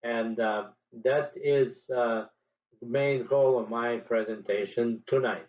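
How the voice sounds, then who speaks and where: This is a man, talking through his teaching approach as a statistics professor. He speaks in a measured, deliberate way and pauses between his points. His voice sits at an average pitch, and the recording has a slightly dull, muffled, lo-fi sound. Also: fairly even intonation. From Serbia.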